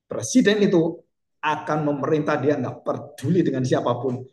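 A male pastor preaching with emphasis, throwing out rhetorical questions and turning again and again to his listeners. His voice is a little high for a man. The sound rings around an echoey hall. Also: lively intonation, moderate pace, a little mellow. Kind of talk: sermon.

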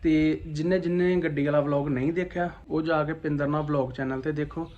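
A man's voice: on the high side, fairly quick, lo-fi sound. A man hosting a channel, gratefully thanking viewers and asking them to share. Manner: grateful, steady. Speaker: channel host.

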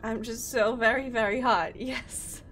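A young Polish woman, a native speaker with a Polish accent, streams games as a VTuber and greets her viewers in bubbly, casual chat. Her fairly high voice is steady, unhurried, and fairly bright, with slight background noise.

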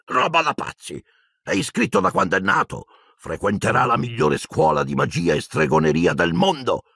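A man voicing a huge, gruff but kindly male giant gamekeeper in a gravelly, husky voice, slow and folksy. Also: medium pitch, a bit bright, no room sound, studio quality, full character voice.

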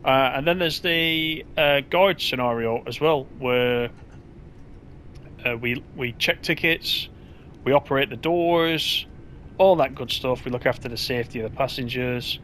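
A man's voice: mid-range voice, measured pace, a bit bright, a little hiss or hum. A man giving casual, chatty gameplay commentary as he drives a train, thinking aloud in an easygoing way.

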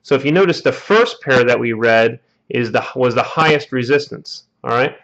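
Tradesman, mid-pitch, teaching a repair at a bench, dull lo-fi camera sound. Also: moderate pace, fairly bright tone. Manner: explanatory, peppers lines with "all right?" and "okay?". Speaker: HVAC technician. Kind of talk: hands-on repair tutorial.

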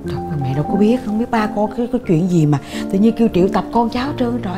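An actress playing a flustered mother with a Southern Vietnamese accent who talks quickly and fussily. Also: medium pitch, lively intonation, close to an everyday voice. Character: flustered mother reassuring her son. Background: sitcom background music.

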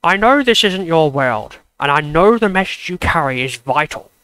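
Wise old ruler guy, man doing the voice, slow and gentle, kinda high, dry sound. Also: lively intonation, clean tone, no echo, poor audio. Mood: earnest. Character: older male ruler, wise and weary. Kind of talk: fan audiobook reading.

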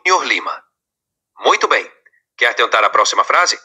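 A man's voice of an AI tutor, speaking patiently and encouragingly, slowing down for the model phrases. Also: medium pitch, very animated, bright, forceful tone, breathy edge.

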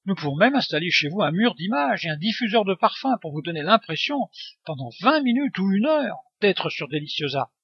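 Man plays a gentle, coaxing salesman of assisted death; dry, dull recording. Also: sits high, very animated, fairly quick, slightly rough, dry recording, exaggerated voice. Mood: persuasive. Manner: soft-spoken, persuasive. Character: smooth-talking male end-of-life salesman.

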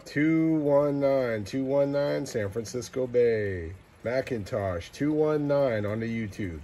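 Male CB operator, unhurried clipped call-outs, mistuned ham radio sound, very noisy signal. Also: mid-range voice, lively intonation. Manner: clipped call signs and place names. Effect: mistuned ham radio, single-sideband. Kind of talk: repeated CB radio calls.

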